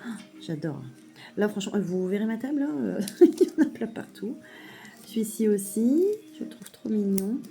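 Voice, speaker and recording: A woman showing a parcel in a casual vlog at home, hesitant with many fillers and softly gushing. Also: mid-range voice, lively intonation, moderate pace, vocal fry. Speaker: mother unboxing a parcel of saving challenges. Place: at home at a table.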